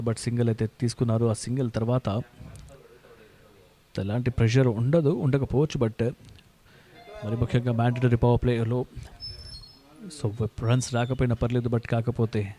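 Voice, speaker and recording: A male cricket commentator with a Telugu accent calls play ball by ball in a mid-pitched voice that keeps to a narrow range. He mixes in English terms and often restarts his thoughts with "So". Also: steady tone, normal speed, pauses often, warm tone. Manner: starts phrases with "So", repeats himself.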